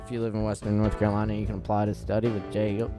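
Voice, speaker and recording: A man hosting a live-streamed open mic, relaxed and hyping up the crowd. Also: fairly low pitch, racing. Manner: laid-back, hypes the crowd. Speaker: host. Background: guitar music.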